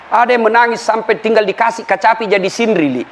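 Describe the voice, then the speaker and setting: A man preaching a humorous sermon. He tells lively stories and acts out the voices of the people he quotes. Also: high-pitched, quick pace, a little hiss or hum. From Indonesia.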